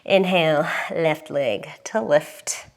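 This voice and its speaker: A young woman teaching a yoga class, giving calm breath cues with sighs, a bit out of breath. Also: low voice, slow, creaky. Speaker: yoga instructor.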